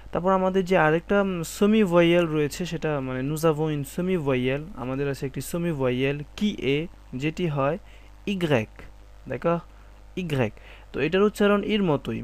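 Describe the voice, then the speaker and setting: Man slowly teaching French pronunciation. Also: fairly high pitch. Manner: explains step by step, repeating French phrases slowly then translating; often checks understanding with "ঠিক আছে?" and "d'accord?". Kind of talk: spoken language lesson.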